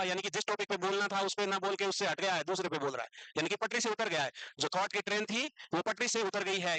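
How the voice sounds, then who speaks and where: A man's voice: high-pitched, sharp tone, no room sound, low-quality recording. A man teaching a classroom lecture, teasing the students and asking them questions, then repeating the answers himself.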